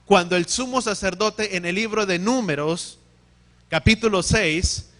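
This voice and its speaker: A man preaches in a high, bright voice. He teaches carefully, puts questions to his listeners and corrects himself as he goes. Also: a little slow. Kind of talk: sermon.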